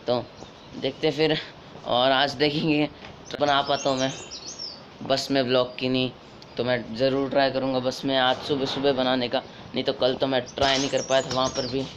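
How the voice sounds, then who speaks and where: A teenage boy with a slightly hoarse voice from a cold talks through a casual daily vlog. He keeps his pitch level and unhurried, and he picks his words slowly. He is recorded on a handheld phone, with plenty of ambient noise behind him. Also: level tone. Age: teens. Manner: talks slowly and carefully on purpose. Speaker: vlogger.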